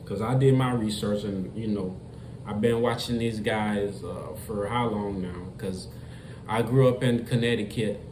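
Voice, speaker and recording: A commentary vlogger from Florida, with a fairly low, slightly mellow voice, talks unhurriedly and casually straight to his viewers. He repeats himself and stresses his points emphatically, recorded in an echoey room with faint noise.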